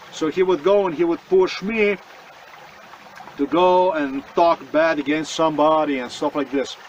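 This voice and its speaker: A man's voice: a little high, a little hiss or hum. A man from Slovenia, telling his own story in an earnest, insistent way that often circles back and repeats itself. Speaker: vlogger. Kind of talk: personal monologue to camera. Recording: voice distant from the mic.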